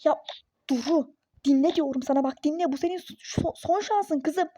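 A meddling, superstitious girlfriend in a phone-game role-play story, as a woman voices her. She nags insistently in a high, mellow voice. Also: normal speed, dry recording, lightly acted. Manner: insistent, nagging, conspiratorial. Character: pushy superstitious young woman friend, meddling.

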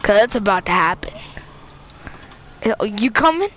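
A woman giving casual, excitable gameplay commentary, giggling often, talking to her viewers and yelling at other players. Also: mid-range voice, moderate pace, a little hiss or hum. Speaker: gameplay streamer.

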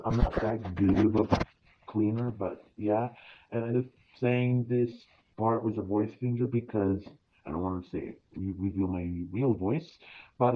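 A video creator talking casually to viewers through a deep voice changer, hesitant with fillers and restarts. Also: slight background noise. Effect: deep pitch-shifting voice changer. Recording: tinny phone-like sound.

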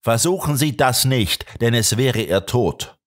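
A man's voice: mid-range voice, lively intonation, a little slow. A man doing a hissing, menacing criminal. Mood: threatening. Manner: threatening, hissing. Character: menacing middle-aged man, a violent criminal father. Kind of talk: audiobook reading.

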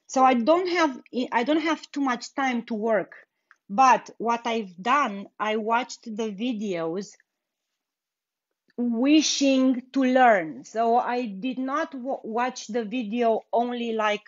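In an indoor workshop with a bare wall, a young woman from Romania leads a live furniture painting tutorial, chatting in an unhurried way and laughing easily. She has a Romanian accent and a slightly high voice, speaking slowly, while the recording cuts off the highs.

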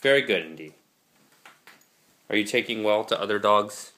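Pitched on the low side, his voice comes across pushed and bright at a moderate pace. The young man, a dog trainer who vlogs, holds the camera himself and records with its mic while he coaches a frisbee throw and chats to his dogs in a gym, a park and at home.

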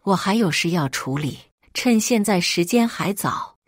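A woman's voice: lowish voice, a little slow, dry recording, studio quality. Woman doing a cool teasing schoolboy. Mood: calm. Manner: calm, teasing.

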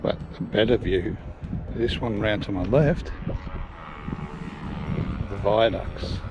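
A man's voice: on the low side, slow, highs cut off, background noise. A middle-aged Australian man outdoors, chatting and admiring the sights as he walks and films. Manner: chatty, admiring commentary while walking. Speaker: vlog host. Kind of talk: walking vlog commentary. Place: outdoors on village lanes and woodland paths.

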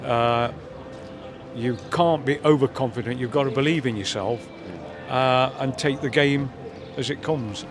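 A man's voice: medium pitch, a little slow, background noise. An older man, a football fan and grandfather, chatting thoughtfully in a street interview with many fillers, held mic outdoors. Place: outdoors by a stadium car park. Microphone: handheld mic held by interviewer.

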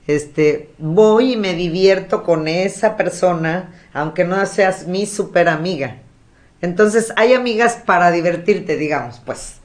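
A woman hosts a podcast in relaxed, chatty conversation. Her voice sits a little low for a woman. She rambles through stories, often stopping on small filler words. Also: unhurried. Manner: chatty storyteller, frequent "este" fillers. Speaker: podcast host. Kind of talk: casual chat.

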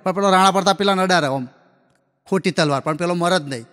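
Man, live stand-up comedian, acts out dialogue, high voice, long reverb of a hall. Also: fast, a bit bright. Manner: folksy anecdotal delivery, acts out dialogue. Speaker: stand-up comedian telling school jokes. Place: live comedy stage before an audience.

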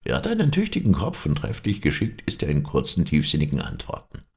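A man's voice: rumbling low, huge pitch swings, fairly quick, creaky, a little mellow, exaggerated voice. A man voicing an eager, boastful townsman who keeps pressing his praise. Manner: wheedling, insistent.

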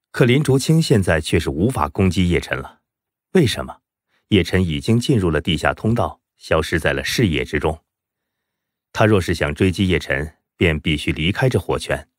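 A man's voice: low-pitched, no echo, studio quality. A man narrating a fantasy web novel as an audiobook reader, in a dramatic, emphatic storytelling manner.

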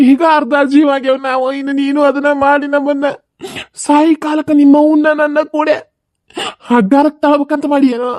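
A gruff, heartbroken old village father in a comedy skit, played by a woman, with a North Karnataka Kannada accent. The voice is higher than a man's yet dark and mellow, close and dry, scolding his son through tears. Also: dry recording. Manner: scolding, sobbing pleas. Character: grieving older village father, gruff and tender.

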